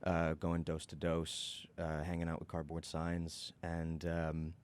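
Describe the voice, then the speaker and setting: A man from England speaks in a very deep, level voice. He talks as a theater director in a casual interview, pausing and restarting as he works his thoughts out. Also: monotone, clean tone. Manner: halting, with many restarts.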